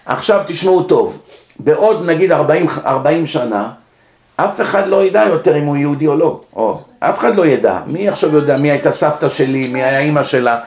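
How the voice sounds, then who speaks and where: A man's voice: on the high side, expressive, darkish tone. A man with an Israeli accent gives an informal religious lecture in a didactic way, asking questions and answering them himself. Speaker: rabbi giving a religious lecture. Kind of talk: informal Torah lecture to an audience. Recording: echoey room.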